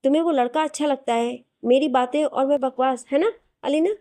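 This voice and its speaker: A woman's voice: high-pitched, a little fast, warm tone, dry recording, clean studio sound, lightly acted. A woman voicing a young husband who is jealous and insistent, pleading with his estranged wife.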